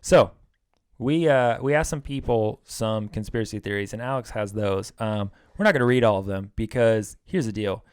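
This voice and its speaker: A young man co-hosts a podcast with a smooth, resonant voice, recorded dry and close. He keeps the chat loose and joking and laughs easily. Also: on the low side, no echo. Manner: joking, playful, quick to laugh. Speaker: podcast co-host. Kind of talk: casual chat.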